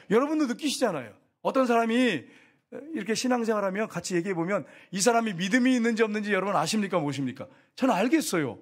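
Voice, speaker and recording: Lively high-voiced male preacher. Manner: animated preaching with rhetorical questions to the congregation. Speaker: pastor. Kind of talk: sermon.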